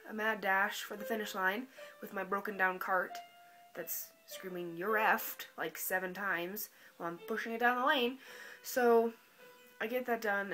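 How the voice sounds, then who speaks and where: A woman's voice: medium pitch, bright, forceful tone. A teenage girl in her late teens telling a story to camera in a casual, dramatic, self-mocking way, acting out her own panicked quotes. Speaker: high school student vlogger.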